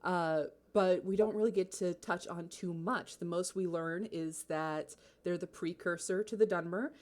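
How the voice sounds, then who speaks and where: A woman's voice: on the low side, fairly even intonation, normal speed, darkish tone. A woman hosting a casual podcast chat, playful and teasing. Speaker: podcast host.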